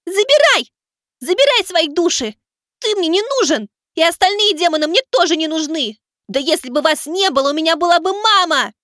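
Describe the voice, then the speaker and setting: Piping, very high child's voice, close and dry. A capricious little girl in a storybook, shrill and on the edge of tears, as a man puts her on. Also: animated, normal speed, no echo, heavily acted. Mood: sobbing fury. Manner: shrill, tearful shouting.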